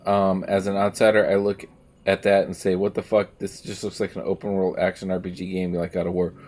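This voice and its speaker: A game streamer chats casually and emphatically over his gameplay on a livestream, sharing opinions and swearing a bit. His low voice is monotone, a little mellow, and fairly quick.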